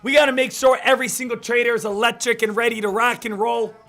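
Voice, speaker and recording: A man with a hoarse smoker's rasp, getting over an illness, hosting a high-energy live stream about stock trading. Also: steady tone, quick pace, sharp tone, soft background music. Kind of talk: hyped live stream market commentary.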